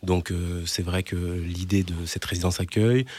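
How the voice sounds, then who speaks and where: A man, a social worker at a housing residence, speaking as a radio guest, halting and repeating words as he searches. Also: deep voice, little pitch movement, darkish tone.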